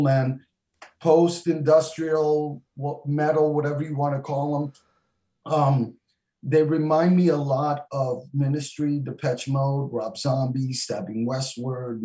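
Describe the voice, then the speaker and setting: A podcast host chats casually and enthusiastically, talking loosely and restarting words as he stammers. His voice is mellow and on the high side, with a roomy echo on the recording.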